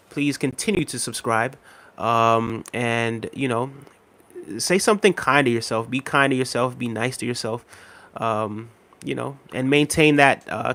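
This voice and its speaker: A man in his thirties runs a casual livestream, reading out viewer comments in a relaxed, repetitive manner with lots of fillers. He sounds mildly sick and fatigued, and his voice sits in the mid range.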